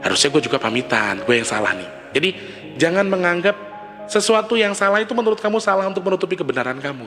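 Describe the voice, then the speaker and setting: A man hosting a casual advice monologue, speaking in a preachy, lively way and acting out what partners say. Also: on the high side. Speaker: channel host. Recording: reverberant room with loud music.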